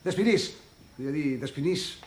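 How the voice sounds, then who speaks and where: A fussy, pedantic professor who lectures and preaches at everyone, as an actor plays him. His voice runs high and stiff, full of formal, old-fashioned phrasing. He sounds pompous and scolding in a film comedy. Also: animated, echoey room, natural voice.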